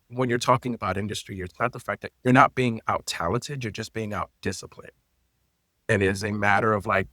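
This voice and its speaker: A very deep, dry, echo-free voice belongs to a late-30s man from Florida, a native Haitian Creole speaker, appearing as a guest. An intimacy coordinator and teacher, he tells stories in a conversational interview in an expressive, personal way, with loose phrasing and frequent fillers.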